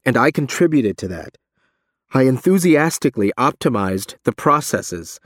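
A man's voice: medium pitch, big pitch swings, normal speed, no room sound, studio quality, pitched above the performer's own voice. A man voicing a haunted, guilt-ridden ex-soldier in an audiobook, speaking in a plaintive, forlorn way. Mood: plaintive, ashamed. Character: haunted, guilt-ridden male ex-soldier confessing war crimes. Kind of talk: audiobook character dialogue.

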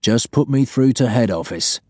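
A man voicing a calm, menacing male interrogator in an audiobook, conversational, steady and controlled. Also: mid-range voice, normal speed, breathy edge, no echo, studio quality, pitched above the performer's own voice. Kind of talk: dramatised audiobook dialogue.

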